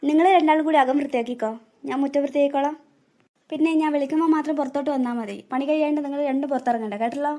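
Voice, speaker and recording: A woman's voice: sits high, steady tone, racing, mellow, close to an everyday voice. A woman voicing a scheming, cruel stepmother in a cartoon, bossy and scolding with sly asides. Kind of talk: cartoon voice acting.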